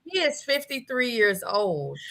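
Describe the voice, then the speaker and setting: Woman host, casual girl-talk chat, animated delivery, voice pitched a bit high. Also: measured pace, creaky, poor audio. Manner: chatty, animated, laughs often.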